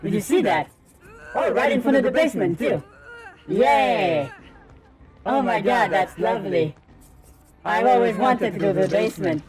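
A man in his thirties streaming a game live over a headset mic, excitable and swearing as he reacts and talks to his chat. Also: high voice, normal speed, long pauses, soft background music. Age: 30s. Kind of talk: gaming livestream commentary. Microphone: livestream headset mic.

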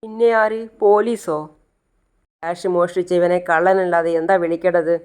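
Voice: mid-range voice, fairly even intonation, moderate pace, a little mellow, clean tone, natural voice. A narrator voicing a harsh middle-aged mother who accuses and scolds insistently. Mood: accusing.

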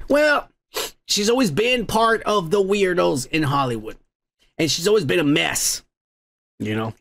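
A man's voice: high voice, fairly bright tone. A young man hosting a casual livestream in a rambling, profane, slangy way, on a heavily compressed microphone. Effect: heavily compressed microphone sound. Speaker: livestream host. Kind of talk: casual livestream chat, reading comments. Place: indoor streaming room at home. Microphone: close streaming microphone with compressor.

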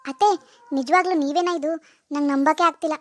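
A woman playing a gentle young daughter-in-law from a village, who answers her mother-in-law politely in a homemade family drama skit. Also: sits high, steady tone, fairly quick, dry recording, close to an everyday voice. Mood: surprised.

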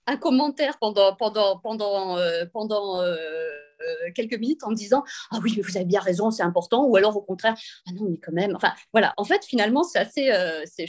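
A woman speaking as a webinar guest over a video call. She talks hesitantly, pausing and restarting often while she gathers her thoughts. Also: mid-range voice, a little mellow. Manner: hesitant, many fillers and restarts. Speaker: panel guest. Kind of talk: webinar talk.

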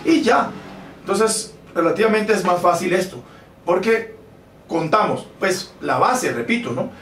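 A man's voice: high voice, lively intonation, a little slow, a little hiss or hum. A man teaching bongo technique, patiently counting beats aloud and correcting himself as he demonstrates. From Colombia. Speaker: bongo instructor. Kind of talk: music lesson with demonstrations. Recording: roomy, mic at a distance, loud drumming. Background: bongo drumming.

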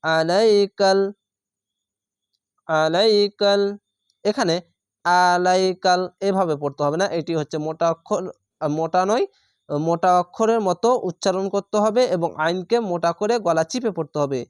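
A man's voice: high-pitched, moderate pace, clean tone, no echo, clean studio sound. A man teaching Quran reading, spelling out each word syllable by syllable, stretching the vowels and repeating them patiently before explaining the rules.

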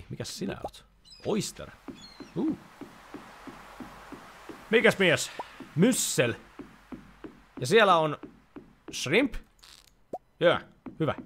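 Young man, animated let's-play chatter, jokey asides, slight background noise. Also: mid-range voice. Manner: chatty, reads game dialogue aloud, jokey asides. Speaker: gaming YouTuber. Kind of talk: casual let's-play commentary.

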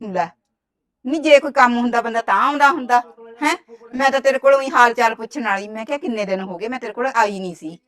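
A woman's voice: on the high side, fast, fairly bright tone, lightly acted. A meddling village gossip, played by a woman, speaking. She wheedles and keeps relaying what others said. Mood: wheedling. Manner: wheedling, reports others' words. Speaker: actress. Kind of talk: village drama dialogue.

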